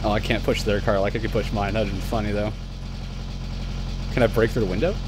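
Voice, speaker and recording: A man streaming a game and commenting live, excitable and laughing often as he exclaims at what happens on screen. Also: lowish voice, fast, noisy background.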